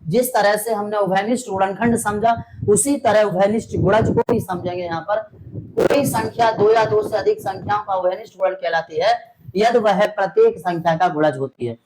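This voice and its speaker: A man's voice: high voice, moderate pace, darkish tone, a little hiss or hum, rough recording. A male maths teacher giving an online lesson, coaxing his students along, checking again and again whether they follow, and calling them fondly "beta" and "my brother".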